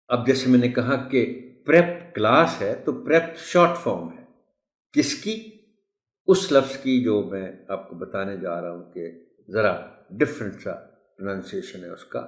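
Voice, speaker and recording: Man, teacher trainer, pronunciation tutorial, slow careful enunciation, echoey room, mid-pitched voice.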